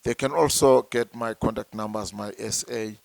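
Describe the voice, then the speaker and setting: A man from Zimbabwe, a traditional healer, explaining slowly and deliberately and repeating words as he searches for them. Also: fairly low pitch, steady tone, gravelly, darkish tone, dry recording. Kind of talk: slow explanatory talk.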